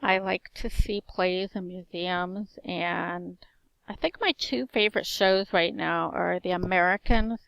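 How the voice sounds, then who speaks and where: Speaking a little slowly in a lowish, gravelly voice, a forties-aged teacher offers a self-introduction monologue, strong and carrying with a slight slur on her S sounds. She lists things in short, even phrases. The audio is poor, though without echo.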